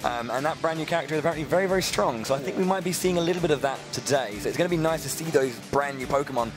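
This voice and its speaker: A British man giving conversational tournament analysis in a halting way, often repeating his words. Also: a little high. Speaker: esports analyst. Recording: music playing behind the voice.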